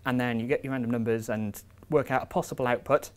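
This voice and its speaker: A man's voice: mid-range voice, fairly even intonation, fast talker. A young man giving an academic seminar in a lecture room, explaining step by step with frequent ums and uhs. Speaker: visiting researcher giving a seminar.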